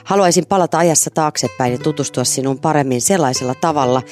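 A woman reading aloud as an aging, ugly man who humbly pleads for a kiss, in a soft voice, from a novel excerpt. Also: a little high, soft background music, natural voice. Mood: pleading.

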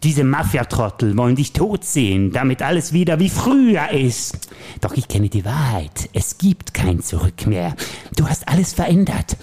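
A man's voice: medium pitch, very animated, moderate pace, a little mellow. A man voicing the Joker, a manic scheming clown villain who taunts in a sing-song way. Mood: taunting.

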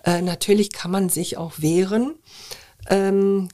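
An older woman, a former journalist, answering interview questions in a measured, thoughtful way with frequent hesitations. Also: mid-range voice, fairly even intonation, warm tone.

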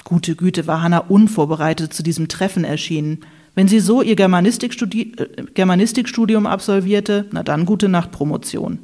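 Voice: medium pitch, moderate pace, darkish tone. An audiobook reader narrating a satirical novel in a dry, ironic manner.

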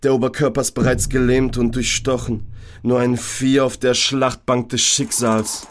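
A man's voice: mid-range voice, little pitch movement, normal speed, a little hiss or hum. A man narrating a grim horror story in a brooding, dramatic first-person reading.

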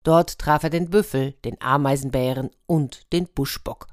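Brief: expressive woman storyteller, low voice, dry close sound. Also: normal speed, no room sound. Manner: expressive, lively narration. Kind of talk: storybook reading aloud.

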